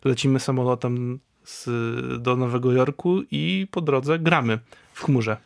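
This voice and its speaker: A man hosting a podcast, asking questions and summing up in a measured, conversational way. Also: mid-range voice, vocal fry, dry recording, studio quality. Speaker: podcast host. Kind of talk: podcast interview.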